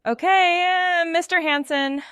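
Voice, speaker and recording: Woman doing a reckless teen girl, high and shrill. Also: steady tone, measured pace, dry recording. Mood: cheeky. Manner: shouting, impulsive. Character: bold reckless teenage girl heiress.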